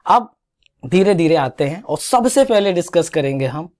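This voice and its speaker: A man's voice: on the high side, moderate pace. A young Indian man giving an exam-prep English grammar lesson, coaxing students to repeat words after him and correcting their pronunciation. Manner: animated, coaxing, drills pronunciation with repetition. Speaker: English teacher.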